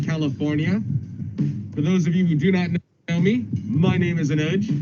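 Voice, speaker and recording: A man presenting an instructional video through a face mask, slightly muffled, with deliberate, emphatic diction. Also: fairly high pitch. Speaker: field marketing specialist presenting a home tour tutorial. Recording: dull muffled sound under loud music.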